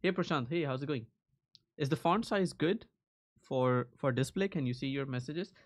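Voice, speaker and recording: A man's voice: mid-range voice, normal speed. A man hosting a live coding stream, chatting casually with his viewers. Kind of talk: casual livestream chat.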